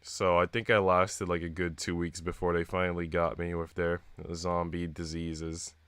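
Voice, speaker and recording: Delivered flatly at normal speed, this man's low voice has a fairly bright, clear, resonant tone, with no room sound. Congested from a cold, he streams a visual novel, reading the narration aloud and breaking into informal, slangy, rambling chat.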